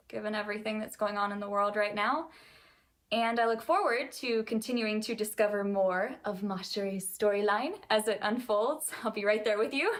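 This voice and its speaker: A woman, a voice actress, sincerely thanking fans in a recorded message. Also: medium pitch. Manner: warm, sincere, light laughter.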